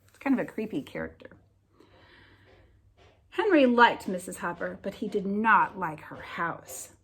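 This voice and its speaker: Using her medium-pitched, somewhat husky voice, a teacher turns a children's story into a lesson. Each word is carefully articulated, and she leans into the lively emphasis of storybook reading.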